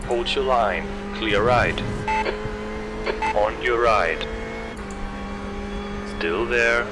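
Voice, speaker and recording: A terse in-game spotter on pit radio, slow and clipped. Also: male voice, on the low side. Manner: clipped, flat warnings of cars alongside. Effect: terse pit radio call from the game. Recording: game audio over loud engine noise, set back from the mic.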